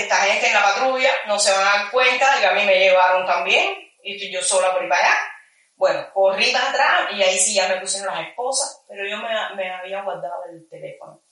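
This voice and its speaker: A woman recounting events in casual conversation, animated and acting out the voices of the people she quotes. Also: medium pitch. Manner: animated, acts out quoted voices, drops to a near whisper. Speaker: activist recounting an arrest. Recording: echoey room, distant mic.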